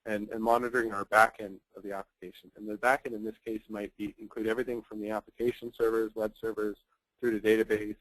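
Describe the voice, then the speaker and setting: Male webinar presenter, low voice, dry close recording, lots of "uh" and restarts. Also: dry recording, poor audio. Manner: fluent with frequent fillers and repeated words. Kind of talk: technical product webinar.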